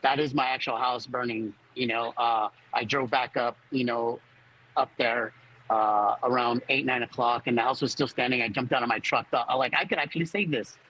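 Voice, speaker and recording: A man of about fifty giving a personal account as a fire captain in an interview, speaking haltingly as he searches for words. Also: mid-range voice, fairly even intonation, sharp tone, highs cut off.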